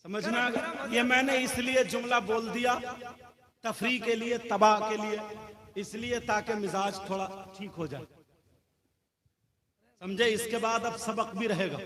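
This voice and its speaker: A man's voice: high voice, fairly bright tone. A man preaching a sermon, speaking directly to the gathering and putting questions to them. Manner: direct, chatty questions to the crowd. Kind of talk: sermon, talking to the audience. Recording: echoey hall with crowd.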